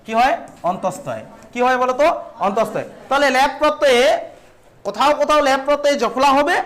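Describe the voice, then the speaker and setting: A man with a strikingly high-pitched voice leads a grammar lesson. He keeps asking his students questions and supplying the answers himself. He repeats key terms and draws out words slowly to model how they should be pronounced. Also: a bit bright. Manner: stretches out words to model their pronunciation. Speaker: teacher.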